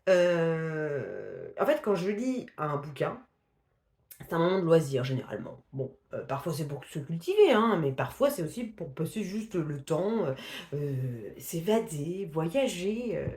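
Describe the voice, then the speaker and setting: A woman's voice: deep voice, very animated, unhurried, a little mellow, reverberant. A woman casually reviewing the books she has read, talking in a chatty, hesitant way with many fillers, restarts and laughs. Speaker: book vlogger. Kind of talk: casual book review chat.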